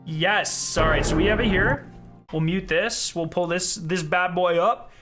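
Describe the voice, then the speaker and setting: Rambling male streamer, fairly high voice. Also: unhurried, music in the background. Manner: informal, rambling, sweary. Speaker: streamer hosting a charity fundraiser. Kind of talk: casual live-stream chat.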